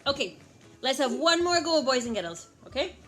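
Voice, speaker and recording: Overbright, high-pitched woman hosting kids' games. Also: very animated, moderate pace, music in the background. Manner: overbright kids party host, encouraging, exaggerated enthusiasm. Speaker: children's holiday club host. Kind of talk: children's game presenting.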